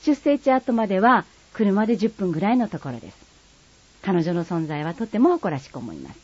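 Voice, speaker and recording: Brief: Kagoshima-born woman running a playful dialect lesson, animated delivery, dull dry sound. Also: medium pitch, brisk, slightly rough. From Kagoshima, Japan. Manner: explanatory and playful, drawing out quiz words. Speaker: dialect teacher. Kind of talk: scripted mini-lesson. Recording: slightly muffled dry recording.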